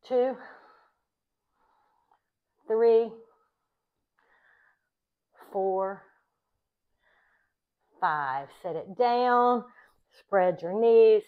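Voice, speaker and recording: A woman yoga instructor leading a class in calm, encouraging, short step-by-step cues timed to the breath. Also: medium pitch. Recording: dull, lo-fi sound.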